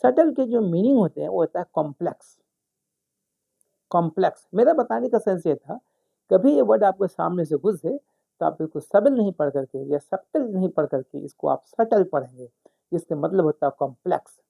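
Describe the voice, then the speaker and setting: A man teaches spoken English in a relaxed, explanatory way. His voice is rough and gravelly, with a deep, mellow darkness. He repeats each word several times and spells it out letter by letter. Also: normal speed. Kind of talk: explanatory lesson.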